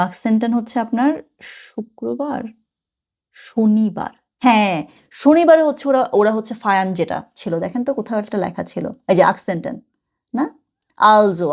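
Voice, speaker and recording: Woman, casual language teacher, chatty, careful slow reading of examples. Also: mid-range voice, a little mellow. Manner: casual, chatty, mixes languages, reads German slowly and carefully. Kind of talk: online language lesson.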